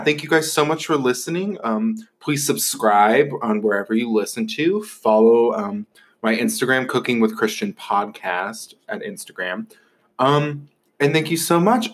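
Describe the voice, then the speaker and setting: A young man hosts a relaxed podcast, chatting over food. His talk is loose and filled with fillers and quick laughs. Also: mid-range voice. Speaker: podcast host. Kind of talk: casual chat while eating.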